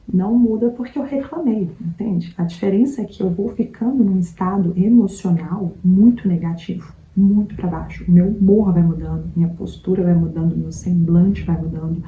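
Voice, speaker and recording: A woman's voice: on the low side, dark tone, reverberant, lo-fi sound, slight background noise. A woman host giving a conversational motivational talk, often checking in with the listener. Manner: conversational, repeats "entende?" to the listener. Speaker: self-help video host.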